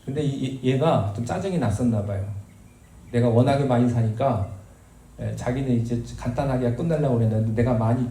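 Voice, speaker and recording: A man's voice: medium pitch, fairly quick, mellow. A man preaching a sermon as pastor, telling stories in a conversational way with self-deprecating humor. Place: church sanctuary. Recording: roomy church sound with faint background noise.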